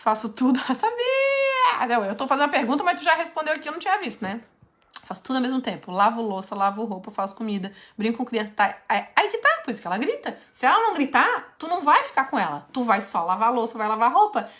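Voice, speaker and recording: A woman with a fairly high voice runs a live mentoring session. She speaks directly and frankly, reading out questions from her group and coaching them through the answers. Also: a bit bright.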